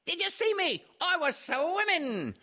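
A tiny kangaroo boy with a very high, squeaky voice that bounces all over. He shouts and boasts eagerly, as in a read-aloud storybook. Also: sing-song, unhurried, full character voice. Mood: excited.

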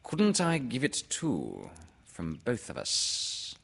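A man voicing a pompous, self-important owl in a children's storybook, speaking in a deliberate, drawn-out manner. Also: mid-range voice, huge pitch swings, vocal fry, a bit bright, slightly rough, pitched above the performer's own voice, exaggerated voice. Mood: measured.

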